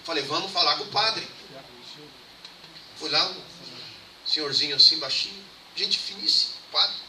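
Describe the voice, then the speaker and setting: A young man preaching as a pastor, telling stories in a lively way and acting out the dialogue. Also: on the high side, moderate pace. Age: young adult. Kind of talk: storytelling sermon. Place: church. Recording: echoey church hall, mic far off, background noise.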